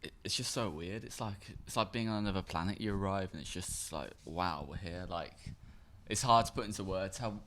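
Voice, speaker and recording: A man's voice: sits low, a little fast, fairly bright tone, a little hiss or hum. A young man from Liverpool with a Liverpool accent, a band member chatting in an interview, rambling and tripping over his words. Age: young adult. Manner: rambling, stumbles and repeats words. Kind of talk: casual interview chat.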